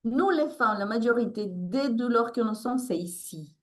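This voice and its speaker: This Spanish-accented woman, a resilience coach and therapist appearing as an interview guest, talks earnestly about emotional topics at a moderate pace. Her voice sits on the high side and sounds animated, and she often restarts while searching for words.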